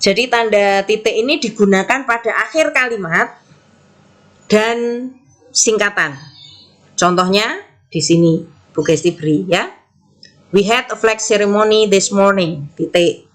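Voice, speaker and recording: An Indonesian-accented woman teaching a lesson to schoolchildren at an unhurried, deliberate pace. She reads example sentences aloud carefully and explains them step by step. Her voice sits at a middle pitch. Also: fairly bright tone, poor audio. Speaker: primary school English teacher. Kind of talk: classroom lesson explaining English to children.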